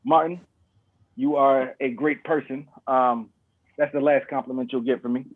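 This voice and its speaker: A man's voice: mid-range voice, fairly even intonation, moderate pace. A man talking as a guest on a casual basketball podcast, laid-back and friendly. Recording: tinny phone-line audio.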